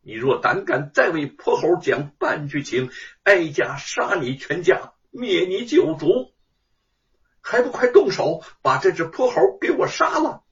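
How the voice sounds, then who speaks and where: Haughty imperial consort, shrill and commanding, put on by a male storyteller; dull, distant lo-fi sound. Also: big pitch swings, a little slow, a bit bright, exaggerated voice. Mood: furious.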